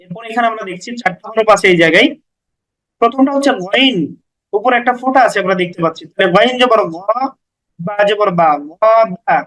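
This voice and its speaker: A man's voice: high-pitched, fairly quick, a bit bright, rough recording. A man teaching beginners to read the Quran, spelling out each letter and vowel mark syllable by syllable with patient, brief explanations.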